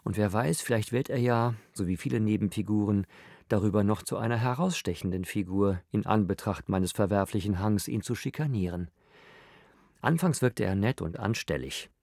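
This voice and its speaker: A man reading a novel aloud as narrator in a wry, measured manner. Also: fairly low pitch, creaky, darkish tone, no echo, clean studio sound. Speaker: audiobook narrator. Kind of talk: scripted narration.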